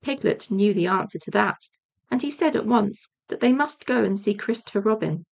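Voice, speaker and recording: A woman's voice: mid-range voice, animated, normal speed, vocal fry. A woman narrating a children's audiobook as a scripted storyteller.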